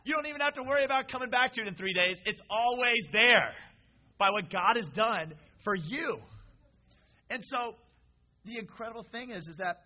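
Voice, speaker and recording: Male preacher, high-pitched, animated sermon, muffled lo-fi sound. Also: normal speed. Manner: casual and animated, calls out to the congregation.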